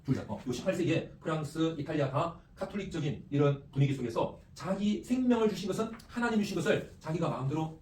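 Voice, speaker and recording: A man teaching an ethics class, lively, repeating phrases and quizzing his students. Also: on the high side. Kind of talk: classroom lecture with questions to students. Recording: echoey room, distant mic, faint noise.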